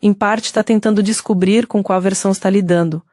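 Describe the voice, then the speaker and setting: A woman with a Brazilian Portuguese accent giving steady scripted narration that speaks directly to the listener. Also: mid-range voice, fairly quick, dry recording, clean studio sound.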